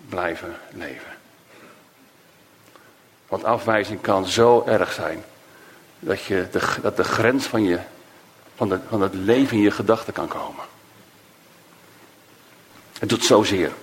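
A man preaching a sermon, emotive, swinging between raised emphasis and hushed, low phrases. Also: slightly rough. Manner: slow, drawn-out delivery of quoted cries.

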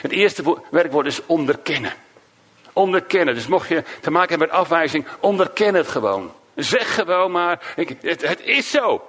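A male preacher delivers an emotive sermon. His fairly high voice swings widely in pitch, climbing on key words and sinking into hushed, low phrases. Quoted cries come slow and drawn out. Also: animated.

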